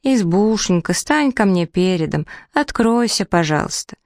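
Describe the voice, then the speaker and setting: A woman voicing a timid little prince, a boy too young for school, in a high squeaky pleading voice. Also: lively intonation, a little slow, a little mellow, dry recording, clean studio sound.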